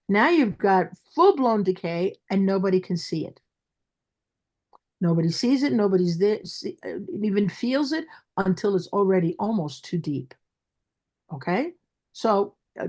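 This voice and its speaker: A woman with a Brooklyn accent talks as an interview guest. She speaks emphatically, often repeating words to drive her point home. Her voice sits at an average pitch for a woman. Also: darkish tone. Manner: emphatic, repeats herself for stress. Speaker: dentist guest.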